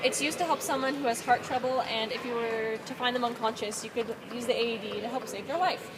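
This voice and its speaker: A woman's voice: on the high side, steady tone, brisk, a crowd in the background, rough recording. A young woman presenting a student first-aid instruction video, reading steadily with a few fillers. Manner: reads steadily with some fillers. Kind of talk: scripted instructional narration.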